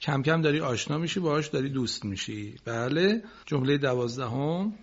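A man teaching Quran recitation on a radio class, patiently correcting students and slowly modelling each phrase for them. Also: mid-range voice, animated, husky. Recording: dull lo-fi broadcast recording.

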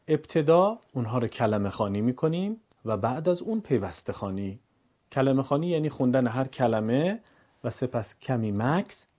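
A man's voice: medium pitch, mellow. Patient male Quran reading teacher. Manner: patient, slow and drawn-out when demonstrating syllables. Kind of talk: instructional lesson narration.

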